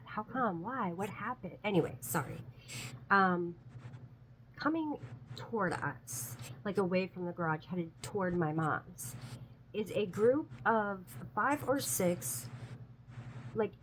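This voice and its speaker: A woman's voice: on the low side, slight background noise, rough recording. A woman telling a personal story in a casual, chatty way, full of "like" fillers, earnest about it being true.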